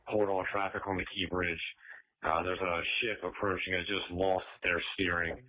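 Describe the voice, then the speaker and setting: A man dispatching traffic orders over a police radio channel in a calm, procedural way. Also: low voice, moderate pace, dry recording. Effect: police radio transmission. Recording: muffled dry radio transmission.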